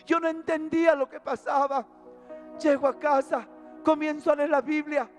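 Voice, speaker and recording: A man with a Peruvian Spanish accent preaches his testimony in a very high voice, fervent and emotional, repeating key phrases. Soft music plays faintly behind him in the church. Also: steady tone, moderate pace. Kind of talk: testimony sermon. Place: church service.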